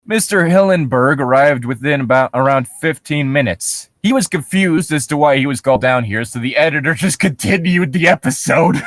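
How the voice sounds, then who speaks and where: A slightly high male voice at normal speed, fairly bright, recorded dry. He co-hosts a podcast, reading a horror story and picking it apart with casual, comedic, incredulous and profane commentary.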